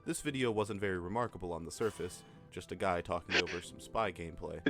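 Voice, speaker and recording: A man narrating a scripted video essay in a measured storytelling manner. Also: sits low. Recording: narration over clear background music.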